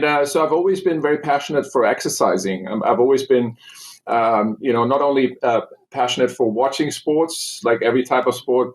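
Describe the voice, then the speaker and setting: Man, podcast guest, relaxed, hesitant, lots of uhs. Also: medium pitch. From Germany. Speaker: guest, fertility doctor. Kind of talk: casual interview chat.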